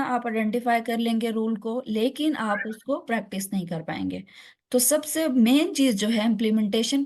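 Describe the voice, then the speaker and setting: Woman tajweed teacher, higher voice, patient step-by-step explainer on a video call. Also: darkish tone. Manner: explains step by step, asks students questions. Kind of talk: online class teaching. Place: online video call class.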